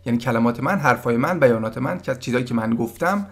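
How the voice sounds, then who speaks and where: A man giving a casual German lesson, patiently explaining words and sounding them out slowly. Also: medium pitch, lively intonation, gravelly, a bit bright. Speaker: German language teacher.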